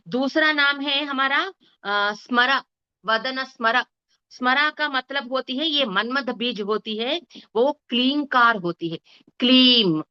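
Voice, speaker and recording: A woman teaching a spiritual text in a slow, explanatory way, often hesitating and correcting herself. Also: a little high, sharp tone, lo-fi sound.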